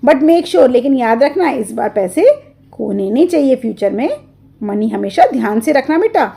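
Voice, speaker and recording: A woman voicing a gentle, loving mother who soothes her young son in a soft, tender way. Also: on the high side, expressive, moderate pace, gravelly.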